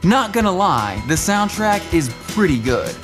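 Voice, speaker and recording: A man's voice: high-pitched, sing-song, measured pace. A man giving scripted narration about music history, with dry, wry asides.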